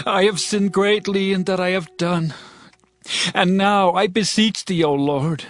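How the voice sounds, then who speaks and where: A man's voice: high-pitched, fairly even intonation, unhurried, faint music behind. An actor playing a fervent, commanding king in a dramatized scripture, declaiming in archaic, impassioned phrasing. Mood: remorseful pleading. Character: King David, fervent, commanding warrior king of Israel.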